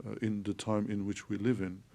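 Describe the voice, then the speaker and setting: Podcast guest: man from Turkey, theologian, gravelly mellow voice, measured explainer. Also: on the low side, level tone. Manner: measured, explanatory, frequent hesitations. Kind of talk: podcast interview.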